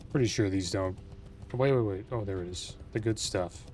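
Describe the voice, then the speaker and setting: A man's voice: lowish voice, moderate pace, a little mellow. A man giving casual, informal let's play commentary as a gaming video host. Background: faint game music and sounds.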